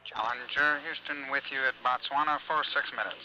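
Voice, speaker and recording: Man giving crisp radio checks, noisy link. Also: mid-range voice, steady tone, brisk, bright, forceful tone, muffled recording. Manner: crisp, procedural radio phrasing. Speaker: mission control capsule communicator. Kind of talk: space-to-ground radio check-ins.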